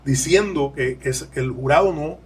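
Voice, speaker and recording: A man's voice: fairly high pitch, normal speed, far from the mic, poor audio. A man with a Puerto Rican accent, a lawyer speaking as a podcast guest, candid and digressive, laughing as he explains. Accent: Puerto Rican Spanish. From Puerto Rico. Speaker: lawyer and legal aid board president, guest. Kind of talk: podcast interview.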